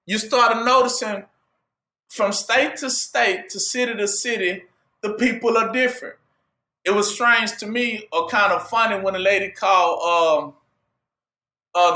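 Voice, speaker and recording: High, bright-voiced preacher in echoey room. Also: male voice. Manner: call-and-response rhetorical questions. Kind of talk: sermon.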